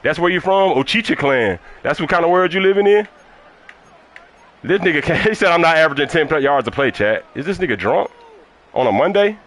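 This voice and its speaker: A man's voice: a little high, lively intonation, fairly quick, a bit bright. A man streaming a football video game live, heatedly mocking his opponent and repeating his taunts over and over. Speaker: gaming streamer.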